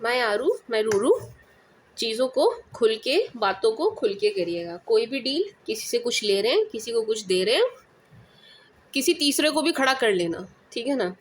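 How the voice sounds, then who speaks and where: A woman's voice: fairly high pitch, lively intonation, normal speed, slight background noise. A woman with an Indian accent giving a casual tarot reading, emphatic, often checking that listeners understand and calling them sweet pet names. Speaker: tarot reader.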